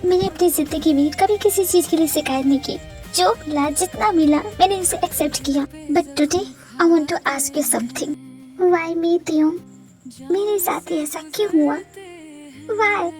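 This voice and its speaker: A woman's voice: extremely high pitch, a little slow, darkish tone, soft background music. A woman voicing a grieving young wife in a fan audio drama, tearful and pleading. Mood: anguished.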